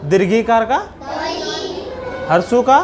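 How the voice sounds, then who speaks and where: Speaking very slowly in a very high, expressive voice, this man teaches young children by patiently sounding out letters one by one. He has a Bihari Hindi accent, and it's a slow classroom lesson. Background noise is present.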